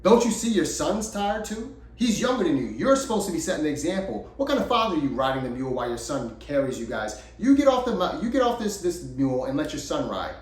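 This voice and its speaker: A man voicing an indignant passing traveler who scolds in a loud, reproachful way. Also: a little high, sing-song, quick pace, hardly any pauses. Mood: scolding. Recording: roomy, distant mic.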